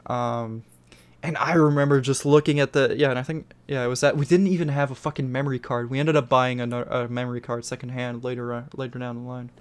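A man's voice: medium pitch, fairly even intonation, fast, clean tone. A man with a blocked nose hosting a casual podcast, rambling and swearing freely. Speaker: podcast host. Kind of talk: casual chat.

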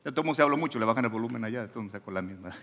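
A man's voice: medium pitch, expressive, racing, fairly bright tone. A man preaching as pastor, emphatic, with his voice swinging up and down. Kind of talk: sermon.

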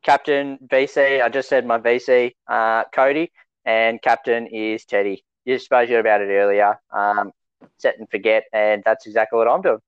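A man's voice: medium pitch, steady tone, moderate pace, smooth, no room sound. An Australian man co-hosting a sports podcast in casual, matey conversation, recorded on slightly dull lo-fi audio. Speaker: fantasy rugby league podcast co-host.

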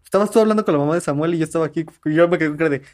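A man's voice: a little high, darkish tone. A young man with a Mexican Spanish accent chatting casually, jumping in with slangy remarks. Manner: quick interjections, slangy. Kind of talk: casual chat.

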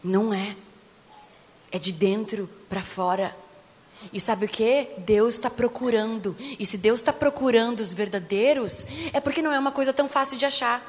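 A Brazilian woman preaching a sermon, animated and direct, slowing down to stress her points. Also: a little high. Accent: Brazilian Portuguese. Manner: animated, direct, slows down for emphasis. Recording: long hall reverb.

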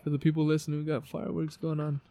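With heavy background noise behind him, an American man races through his backyard motivational podcast in a fairly high, monotone voice. He's informal and emphatic, swearing often as he tries to inspire.

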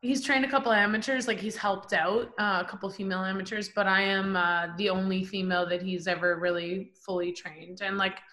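A woman in her forties, a professional boxer from Canada, telling her story in a casual interview, animated and full of fillers. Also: medium pitch, brisk, few pauses. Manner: animated, chatty, many fillers like "like" and "um". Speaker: professional boxer, podcast guest.

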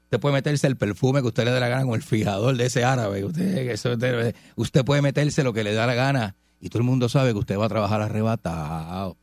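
A middle-aged man hosts a radio talk show in a Puerto Rican accent. He talks in a chatty, emphatic way, firing off rhetorical questions at a mid pitch. His voice is recorded dry and close, with no room sound. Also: a little fast, few pauses, darkish tone, no echo. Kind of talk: casual radio banter.

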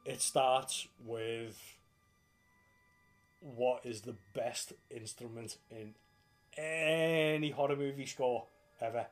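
A man talks through a film score with a friend, swearing freely and acting out scenes. His pitch sits right in the middle. Faint music plays underneath him. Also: takes it slowly, long pauses. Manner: animated storyteller, swears freely, acts out scenes. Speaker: podcast co-host. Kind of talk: casual chat about film scores.

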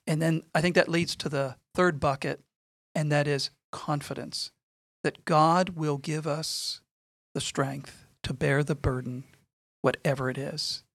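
Middle-aged man, earnest, measured, repeats phrases for emphasis, gravelly, dry sound. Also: fairly high pitch, steady tone, a bit bright, no echo. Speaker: guest speaking on faith and suffering. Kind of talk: conversational testimony.

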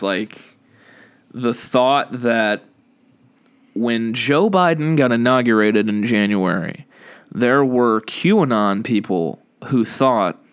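A man's voice: mid-range voice, clean tone. Rambling Midwestern man, podcast host. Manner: rambling, laughs often, many fillers and restarts. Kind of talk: casual podcast chat. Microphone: studio microphone.

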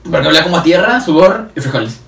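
A man's voice: fairly high pitch, expressive, racing, creaky, a bit bright. Slangy young man with a Mexican accent. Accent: Mexican Spanish. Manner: slangy, laughing storyteller. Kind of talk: casual chat. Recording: echoey room, mic at a distance.

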